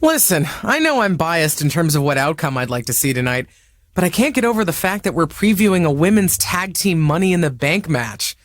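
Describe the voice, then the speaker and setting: An actress voices a playful middle-aged aunt who used to wrestle professionally, chatting and teasing in video game dialogue. Her female voice is fairly low, sing-song and a little fast, carrying a wistful, proud mood.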